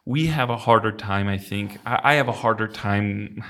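A man's voice: lowish voice, normal speed, a bit bright. A young adult man hosting an interview, talking in an earnest, conversational way with false starts. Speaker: podcast host. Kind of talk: casual interview talk.

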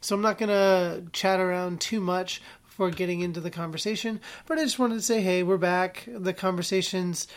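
A man's voice: high voice, normal speed. A man in his thirties hosts a podcast at home, his voice stuffed up from a head cold. He talks in a loose, rambling way, full of uhs and ums. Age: 30s. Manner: relaxed, rambling, many fillers. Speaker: podcast host. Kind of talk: casual podcast chat. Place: spare bedroom at home.

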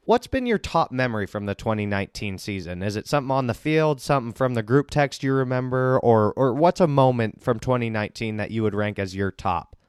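A man's voice: mid-range voice, lively intonation, a little fast, few pauses, clean tone, no echo, clean studio sound. A man hosting a casual sports podcast, building hype with upbeat banter as he interviews league members. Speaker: podcast host and league commissioner.

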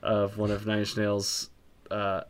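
Man, low voice, smooth, casual podcast chat, lots of ums and restarts. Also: completely flat delivery, unhurried. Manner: rambling, many ums and restarts. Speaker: podcast co-host.

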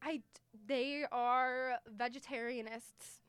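A young woman chats on a podcast with a high, bright voice. She tells stories with lots of animation, laughing and acting out every line. The sound is close and dry. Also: slow, smooth, no room sound. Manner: animated, laughing, acts out dialogue. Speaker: podcast co-host. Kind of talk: casual chat, storytelling. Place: room in Miami Beach.

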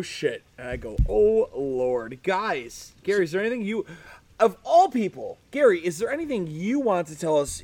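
A man's voice: sits high, darkish tone. A man hosting a casual podcast outdoors, joking and swearing through crude banter with friends. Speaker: podcast host. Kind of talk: casual chat.

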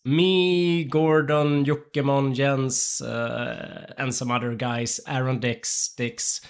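A man's voice: medium pitch, little pitch movement, takes it slowly, clear, resonant tone. A man co-hosting a casual podcast, easygoing, laughing often and tossing in short agreeing replies. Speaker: podcast co-host. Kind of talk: casual chat.

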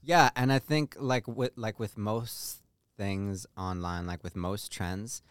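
A man co-hosting a podcast in relaxed, conversational chat. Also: on the low side, takes it slowly, smooth, dry recording. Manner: relaxed, conversational, uses "like" often. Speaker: podcast co-host. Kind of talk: casual chat.

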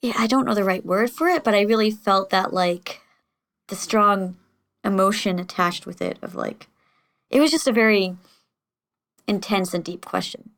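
A woman's voice: medium pitch, moderate pace, a bit bright. A woman player in casual chat, rambling and searching for words.

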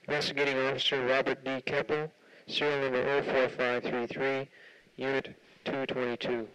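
A police detective dictating case notes in a matter-of-fact, official tone, heard from an overmodulated 1970s dictaphone tape recording. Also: male voice, medium pitch, little pitch movement, normal speed, a bit bright, clean tone, rough recording.

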